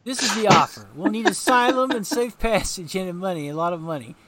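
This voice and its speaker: A man's voice: high-pitched, expressive, a little fast, a loud crowd. A man reading a game's dialogue aloud, voicing a cold male mercenary leader who firmly dictates terms. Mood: demanding.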